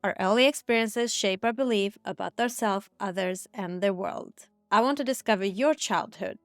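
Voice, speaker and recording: A woman hosting a podcast, reading set interview questions in a steady, bright tone. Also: mid-range voice, normal speed, no echo, soft background music. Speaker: podcast host. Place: Stockholm.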